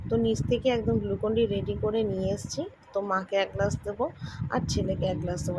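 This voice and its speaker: Middle aged woman vlogging at home, chatty and grumbling, phone mic, lots of background noise. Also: mid-range voice. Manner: chatty, complaining, asks viewers for agreement. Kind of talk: casual vlog narration. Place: home, kitchen and rooftop. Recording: noisy home phone recording.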